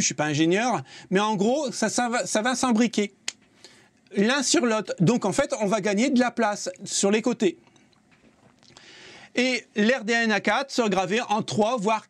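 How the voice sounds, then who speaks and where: Higher-voiced man, casual tech host, opinionated and repetitive. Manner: opinionated, repeats himself, hedges with "je pense".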